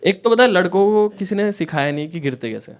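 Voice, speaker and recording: A young man from India performs stand-up comedy, telling a story and acting out its scenes. His voice sits a little high for a man, and he keeps checking in with the crowd as he talks. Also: animated, fast talker. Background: audience laughter.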